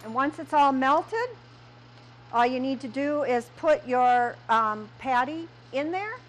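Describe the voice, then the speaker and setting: High-voiced woman demonstrating candy making. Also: lively intonation, takes it slowly, a little hiss or hum, low-quality recording. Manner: plain step-by-step, frequent "um" fillers. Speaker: candy shop owner. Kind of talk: cooking demonstration. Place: small candy kitchen, indoors.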